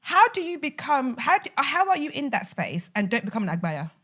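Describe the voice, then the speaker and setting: A woman hosting a podcast who asks her guests questions in a playful, animated way. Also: sits high, brisk. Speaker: podcast host. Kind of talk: casual chat interview.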